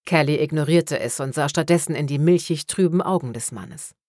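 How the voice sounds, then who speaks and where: A woman reads fiction aloud as the narrator, steady and measured. Her voice is low-pitched. The recording is dry and close, with no room echo. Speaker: audiobook narrator.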